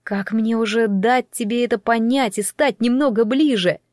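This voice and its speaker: A woman's voice: a little high, normal speed, a little mellow, no echo, clean studio sound, close to an everyday voice. A woman reading the lines of a flustered young woman mage in an audiobook. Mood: shy.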